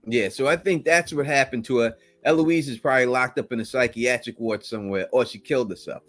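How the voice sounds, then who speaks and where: A man co-hosts a casual podcast, breaking down a trailer while he insistently pushes his theories, emphatic and repeating himself. His voice is medium in pitch, brisk, and a bit bright.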